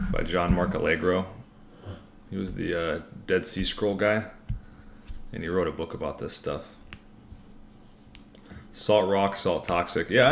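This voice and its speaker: Very deep-voiced man chatting casually. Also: slight background noise. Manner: laid-back, informal, rambling. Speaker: livestream host. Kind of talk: casual livestream Q&A, reading and answering chat comments.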